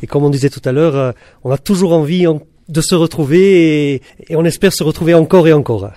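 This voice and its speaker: Un acteur qui parle de son travail sur un film, simplement, en hésitant un peu. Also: male voice, a little high, brisk, dark tone, no echo. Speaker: actor. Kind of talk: press interview.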